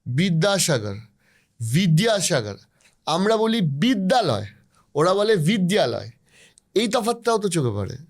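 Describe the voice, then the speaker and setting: A male podcast host with a notably high voice asks curious questions. He stacks up example after example as he talks. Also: big pitch swings, moderate pace. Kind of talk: conversational interview.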